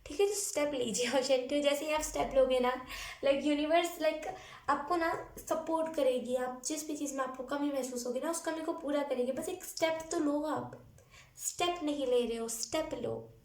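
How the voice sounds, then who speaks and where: A woman's voice: high voice, moderate pace, a little mellow, roomy sound. A woman giving a casual pick-a-card tarot reading, chatty and full of fillers, often mixing English into her talk. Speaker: tarot reader.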